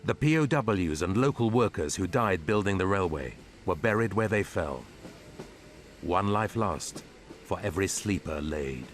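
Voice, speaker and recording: A man narrating a documentary in a grave, even, scripted way. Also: low voice, a little slow, a little hiss or hum. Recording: narration over loud music.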